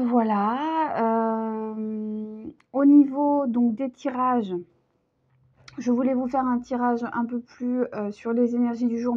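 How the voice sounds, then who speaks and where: A woman's voice: fairly high pitch, mellow. A woman giving a casual tarot reading, chatty and hesitant, with many fillers. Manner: chatty, hesitant, full of fillers, laughs easily. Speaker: tarot reader. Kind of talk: casual spoken tarot video. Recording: dull lo-fi sound.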